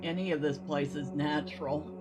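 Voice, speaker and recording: A woman's voice: deep voice, fairly even intonation, normal speed, loud music behind the voice. A woman streaming a game, chatting casually and answering her viewers between exclamations. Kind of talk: casual live-stream commentary.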